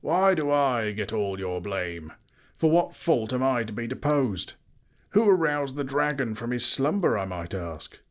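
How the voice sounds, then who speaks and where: A man voicing a wary, pompous old town master who speaks loud and clear in his own defence. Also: on the low side, unhurried, lightly acted. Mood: indignant.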